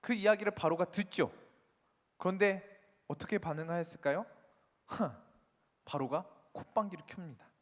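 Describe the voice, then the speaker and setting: A man's voice: high-pitched, a little fast. A male pastor giving a sermon, telling the story vividly and acting out the dialogue. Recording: echoey church hall.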